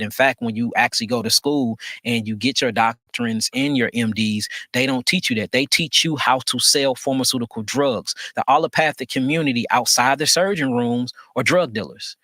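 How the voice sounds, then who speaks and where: Casting: emphatic man, bright forceful tone, dry close recording. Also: medium pitch, normal speed, hardly any pauses, dry recording. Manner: emphatic, repeats phrases, asks rhetorical questions. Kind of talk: conversational monologue.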